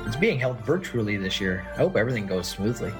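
A nervous, eager young hockey player hosting a party in a comedy sketch, acted by a man. His pitch moves in a lively way over clear background music. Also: quick pace. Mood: nervous eagerness.

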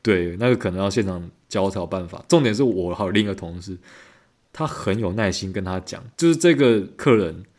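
A man tells stories on a podcast at a rapid clip. His voice sits low, and he acts out the people in his stories in a casual chat. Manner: animated storyteller who acts out dialogue. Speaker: podcast co-host.

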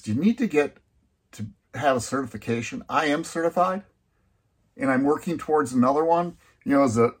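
A man's voice: medium pitch, slightly rough. A man who coaches other coaches, explaining his methods in a casual, conversational talk with frequent restarts. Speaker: business coach.

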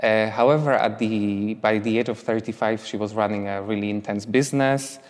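A man's voice: on the low side, fairly even intonation, moderate pace, long reverb tail. A young man from Poland, talking casually as a guest in a live stage interview, with many fillers. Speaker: interviewee, writer.

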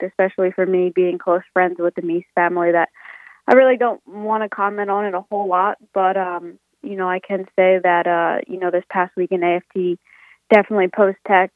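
A young woman answering interview questions over the phone, halting and full of fillers, on a tinny phone line. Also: on the low side, no room sound. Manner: halting, filler-heavy speech. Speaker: racing guest.

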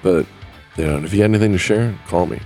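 A man's voice: deep voice, fast, a little mellow, faint music behind. A man hosting a casual solo podcast, rambling and plainspoken, choking up with grief. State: grieving, choking up. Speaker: podcast host.

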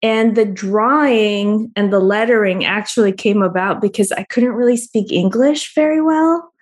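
A Filipina guest artist answers interview questions warmly, often laughing softly in the middle of sentences. Her voice is medium-pitched and her pace moderate, and the setting is the Albany region of New York.

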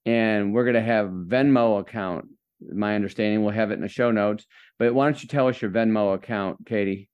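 A man's voice: on the low side, a little fast, a little mellow, clear, resonant tone. A man hosting a faith-based podcast interview, enthusiastic and preacher-like as he encourages his listeners. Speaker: podcast host.

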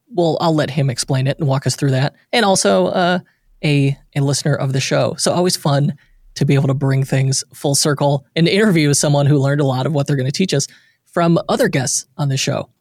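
A man's voice: a little high, dry recording, studio quality. A man hosting a podcast interview in a casual, chatty, self-deprecating way. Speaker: podcast host.

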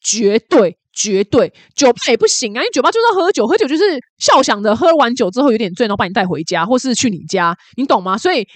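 Animated, fast-talking woman host. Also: fairly high pitch, no echo. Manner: animated, gossipy, emphatic asides. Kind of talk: casual chatty commentary.

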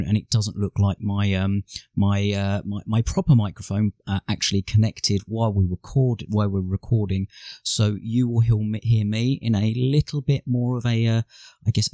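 A man's voice: on the low side, mellow, dry recording, clean studio sound. A man hosting a podcast, apologizing casually to listeners while recording through an earbud microphone. His voice has a tinny sound, and he talks loosely with many fillers and restarts. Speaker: podcast host. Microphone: earbud headset microphone.

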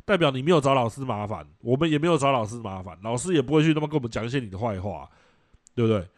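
A middle-aged man with a Taiwanese Mandarin accent, hosting a casual chat show, telling stories in a blunt, profane and animated way. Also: medium pitch, rapid-fire, dry recording, studio quality. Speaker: podcast host.

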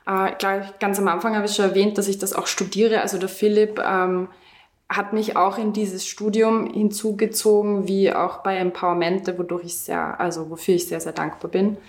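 A woman's voice: mid-range voice, level tone, normal speed. A woman hosting a casual podcast conversation, speaking in an affirming way. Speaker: podcast host. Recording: roomy echo.

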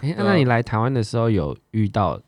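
A man's voice: medium pitch, wildly swooping pitch, fairly quick, no echo, clean studio sound. A man hosting a podcast, putting questions to a guest in a casual conversational way. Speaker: podcast host.

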